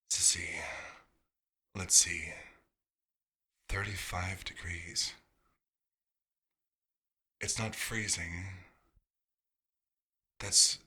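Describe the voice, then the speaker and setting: In an ASMR roleplay, a man plays a quiet, nostalgic vampire doctor, his very low, nearly flat voice carrying a very sharp, bright edge and an exaggerated quality. He murmurs to himself unhurriedly, with pauses, sounding fussy and gently wistful. His mood comes across as uneasy and displeased.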